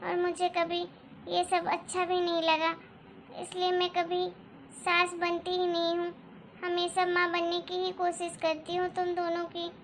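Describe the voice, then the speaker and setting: A woman voicing a gentle, motherly mother-in-law who frets softly in a cartoon story. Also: extremely high pitch, monotone, a little slow, a little hiss or hum. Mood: worried. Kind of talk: Hindi cartoon story dialogue.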